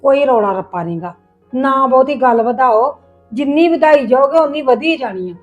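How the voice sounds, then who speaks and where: A middle-aged woman playing a patient mother-in-law who gently advises and reassures in a family drama. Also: sits high, animated, moderate pace, faint music behind. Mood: soothing. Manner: coaxing, reassuring, lecturing softly. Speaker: actor in a family web drama. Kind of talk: acted family drama dialogue.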